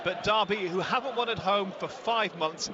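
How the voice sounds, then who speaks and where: A man's voice: high-pitched, moderate pace, highs cut off. A man reporting live from a football stadium, fluent and projecting over the crowd. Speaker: match reporter. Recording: noisy stadium feed. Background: crowd and stadium noise.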